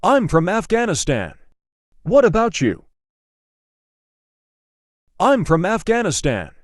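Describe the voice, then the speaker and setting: A man reading a polite learner's part in a scripted practice dialogue for English learners, speaking slowly and carefully enunciating each line. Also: high-pitched, wildly swooping pitch, no echo, studio quality, exaggerated voice. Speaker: dialogue reader.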